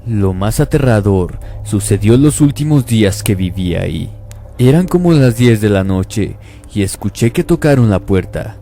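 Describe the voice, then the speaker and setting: Dark, low-voiced male horror narrator. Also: animated, normal speed. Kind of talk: scripted first-person horror narration.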